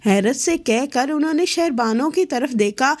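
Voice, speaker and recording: A woman narrating a romance novel aloud in a steady, expressive reading. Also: high voice. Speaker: novel reader.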